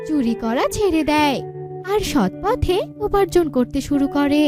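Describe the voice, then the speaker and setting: Woman narrator for a folk-tale cartoon, high voice, music under. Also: lively intonation, measured pace. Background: background music.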